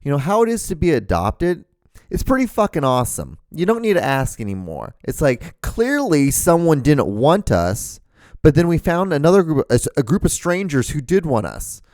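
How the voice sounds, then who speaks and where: This Honduran man in his thirties hosts his podcast solo, sitting at a studio microphone in a room at home with a camera in front of him and earphones on. His voice is on the high side, sing-song and a little mellow, at normal speed, and his casual rambling is profane and full of restarts. The recording is dry.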